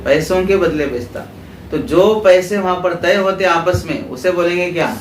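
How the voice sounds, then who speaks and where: A man teaching a class in a religious school with an Urdu accent, explaining terms and asking his students questions, then repeating their answers. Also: sits high. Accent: Pakistani Urdu. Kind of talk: classroom lecture with call-and-response questions. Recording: roomy echo, distant mic, clear background noise.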